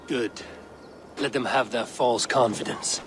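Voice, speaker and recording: A man voicing a resolute Viking warrior leader in a game cutscene, speaking in a firm, measured, commanding way. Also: mid-range voice, steady tone, noisy background, lightly acted. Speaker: game protagonist. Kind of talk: video game cutscene acting. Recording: game audio under a music score.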